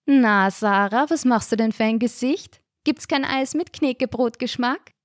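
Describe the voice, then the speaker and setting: A woman's voice: fairly high pitch, unhurried, no room sound, studio quality, pitched above the performer's own voice, lightly acted. A woman voicing a smug, popular teenage girl who talks in a sneering, mocking way.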